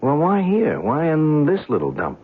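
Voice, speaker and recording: In this old-time radio drama, a brash, down-to-earth man narrates a strange night in the first person, sounding skeptical, blunt, incredulous and wisecracking. His fairly low, slightly rough voice is very animated at a normal speed. The recording is tinny and band-limited, with music.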